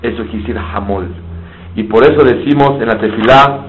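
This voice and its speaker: A man's voice: lowish voice, moderate pace. A man delivers a teaching sermon, explaining Hebrew words one by one. He poses questions to his listeners and answers them himself. The recording is slightly dull, with a faint hiss underneath. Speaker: rabbi teaching Torah.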